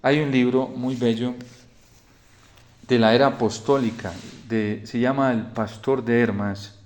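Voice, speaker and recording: A male priest preaching a homily in a storytelling manner, often falling to a quiet hush. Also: mid-range voice, steady tone, a little slow. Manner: storytelling, drops to a soft hush in quoted lines.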